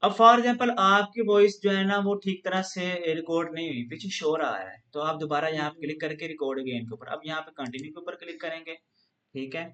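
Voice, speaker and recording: High-voiced man explaining a software tutorial. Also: brisk. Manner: patient, step-by-step explaining, leans on a repeated filler phrase. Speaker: instructor. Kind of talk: screen-recorded software tutorial.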